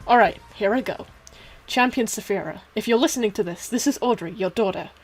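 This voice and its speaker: A woman's voice: mid-range voice, brisk, faint music behind, close to an everyday voice, low-quality recording. A woman voicing a blunt, spirited teenage girl trainer in a cartoon game story. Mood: defiant. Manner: casual, outspoken.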